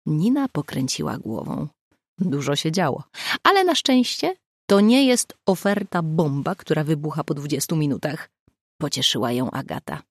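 A woman reading an audiobook with expressive, lively narration. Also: low voice, normal speed, slightly rough, no echo, clean studio sound. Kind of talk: scripted narration.

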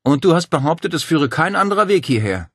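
A young policewoman speaks briskly and skeptically, with a dry wit, voiced by a man with his pitch raised. The voice is husky and lively. The sound is dry and close. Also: no echo, exaggerated voice. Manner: brisk, skeptical, matter-of-fact. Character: police officer, young woman, determined and dry-witted.

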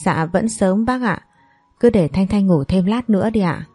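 A woman voicing a gentle, very polite young man who has just come back from abroad. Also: mid-range voice, moderate pace, slightly rough, no echo, soft background music, lightly acted.

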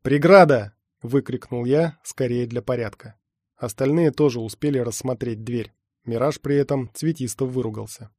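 A man reading a first-person action story aloud at a steady pace as an audiobook narrator. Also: mid-range voice, moderate pace, no room sound, studio quality. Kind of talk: scripted narration.

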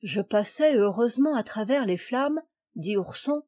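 Tender devoted young boy, read by a woman narrator, slow and warm. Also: a little high, lively intonation, no echo. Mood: earnest.

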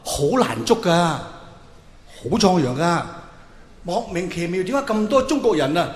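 A high-pitched man with big pitch swings and a measured pace performs stand-up, his Hong Kong Cantonese accent clear. Before a live audience in a large hall, he tells theatrical, exclamatory stories and acts out the dialogue, with the echoey room adding noticeable reverb and faint noise.

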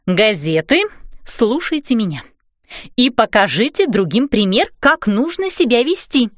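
A woman's voice: fairly high pitch, sing-song, a little slow, dry recording, clean studio sound. A woman voicing a flustered fairy mother in a children's storybook, scolding her misbehaving kitchen things. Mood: commanding. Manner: scolding, exasperated.

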